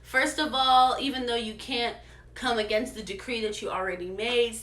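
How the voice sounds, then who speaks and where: A woman voicing a young queen who gives firm, measured orders. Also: fairly high pitch, steady tone, a bit bright, reverberant, natural voice. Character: calm, commanding young queen.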